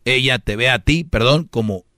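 A man's voice: medium pitch, normal speed, sharp tone, dry recording, clean studio sound. A man with a Mexican accent, hosting a casual chat and giving brash, slangy dating advice with acted-out quotes.

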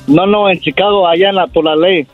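A man calling in to a radio show, talking haltingly and repeating words as he makes his request. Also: high voice, steady tone, narrow, tinny audio, faint music behind. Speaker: caller. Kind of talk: casual phone call.

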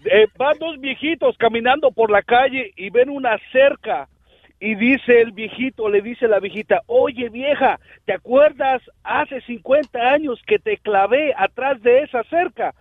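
A man's voice: very high voice, no echo, pitched above the performer's own voice. A man voicing a crude male caller named Nacho, who tells dirty jokes on a morning radio show. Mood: joking. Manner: brash, vulgar, drawn-out greetings. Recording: tinny phone line, dry.

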